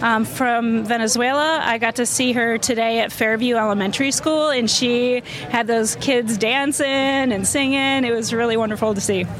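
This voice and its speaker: A woman's voice: on the high side, moderate pace, hardly any pauses, crowd noise. A woman festival organizer answering interview questions enthusiastically outdoors, with frequent fillers.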